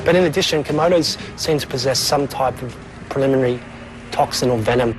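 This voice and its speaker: A man's voice: medium pitch, brisk, over music, poor audio. A man speaking as a scientific expert, explaining things in a nature documentary interview.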